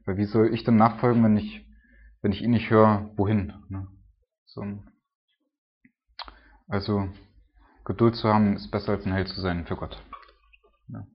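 A man preaching in an informal, conversational way, constantly checking in with his listeners with a quick "right?". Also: lowish voice, fairly even intonation, dull audio. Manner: informal, tags nearly every sentence with a questioning "ne?". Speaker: preacher and church planter.

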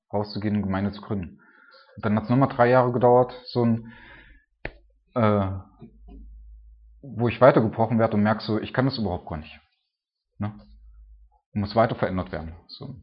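Low-voiced man preaching casually. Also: dull audio. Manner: informal, tags nearly every sentence with a questioning "ne?". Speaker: preacher and church planter.

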